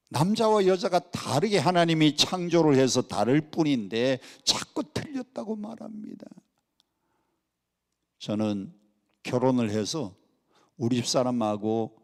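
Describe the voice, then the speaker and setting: Korean pastor preaching in a reverberant hall. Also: male voice, medium pitch. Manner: animated preaching, leads congregation in call-and-response. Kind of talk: sermon. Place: church sanctuary.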